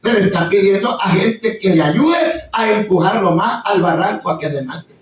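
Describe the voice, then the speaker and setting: A man preaching a sermon, bursting into sudden high exclamations and acting out quoted voices. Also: moderate pace. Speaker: pastor. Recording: echoey far-off room mic, slightly dull, faint noise.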